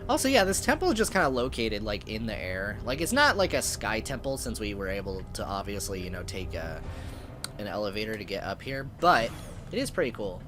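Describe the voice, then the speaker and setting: Let's play host, male, low-ish voice, rambling upbeat chat over game music. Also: big pitch swings, a little fast. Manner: chatty, rambling, upbeat with frequent fillers. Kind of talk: casual gameplay commentary.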